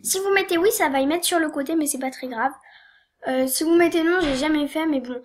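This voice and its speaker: Young woman, high voice, sniffly with a cold, hesitant, lots of fillers, casual tutorial. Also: fairly quick. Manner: hesitant, many fillers and apologies, giggly. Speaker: tutorial maker. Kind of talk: screen-recorded game tutorial.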